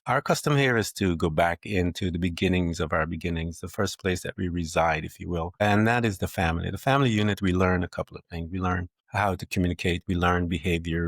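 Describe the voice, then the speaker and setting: A middle-aged man hosting an interview podcast, asking questions in a measured, reflective and slightly formal way. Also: low voice, gravelly, dry recording, studio quality. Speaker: podcast host. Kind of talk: interview conversation.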